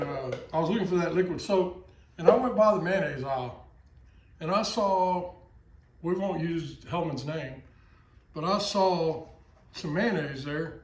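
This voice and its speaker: This Texas cooking vlogger has a fairly high pitch and a Texan accent, and he's recorded from a distance. He keeps up a folksy, aside-filled kitchen chat as he cooks, the room echoing and food frying nearby.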